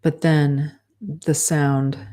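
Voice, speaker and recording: Slow dictation with spoken punctuation. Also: mid-range voice, flat delivery, mellow. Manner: says punctuation aloud and corrects with "undo". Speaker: author dictating a novel.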